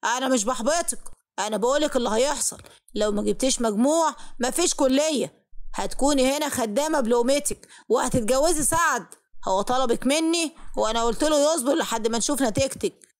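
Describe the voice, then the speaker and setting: A woman's voice: high voice, a little fast, lightly acted. A woman with an Egyptian accent voicing a strict, scolding middle-aged father in a spoken story. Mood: stern. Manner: harsh, scolding, threatening.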